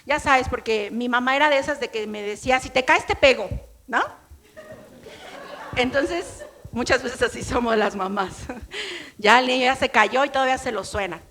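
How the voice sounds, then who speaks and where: A woman's voice: on the high side, moderate pace, a bit bright. A middle-aged woman pastor with a Mexican accent, preaching a sermon in a chatty storytelling way and acting out her own past words. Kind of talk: sermon with personal testimony.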